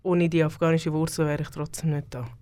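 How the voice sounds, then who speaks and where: A woman's voice: deep voice, little pitch movement, fairly quick, dark tone. A woman with a Swiss German accent, a singer guest in a radio studio interview, talking with many fillers and restarts. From Switzerland.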